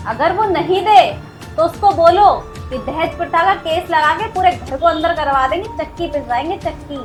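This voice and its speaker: Woman as a harsh greedy mom, very high voice, scolding, loud music under. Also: normal speed. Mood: scheming. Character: greedy sharp-tongued mother of the bride. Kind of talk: web-series family drama acting. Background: background music.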